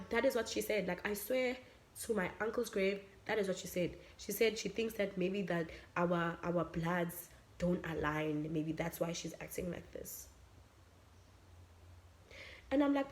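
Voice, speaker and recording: A woman's voice: mid-range voice, a little slow. A young South African woman telling a personal story in a casual vlog, acting out what people said and slipping in Zulu phrases. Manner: animated, acts out quotes, mixes in Zulu phrases. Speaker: vlogger.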